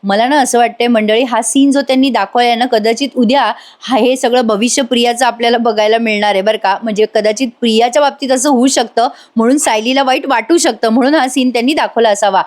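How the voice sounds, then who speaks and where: Woman recapping a serial, higher voice. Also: quick pace, few pauses. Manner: retells scenes, briefly voicing each character's lines. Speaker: serial episode reviewer. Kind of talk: voice-over episode recap.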